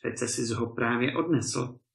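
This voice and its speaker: A man's voice: mid-range voice, gravelly, natural voice. A man voicing an alarmed peasant wife who speaks urgently, in a storybook reading in an echoey room. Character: frightened peasant wife, sharp and scolding.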